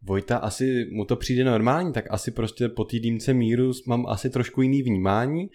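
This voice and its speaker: A man's voice: mid-range voice, a little mellow. A young man in casual chat, adding to a shared story and swearing freely.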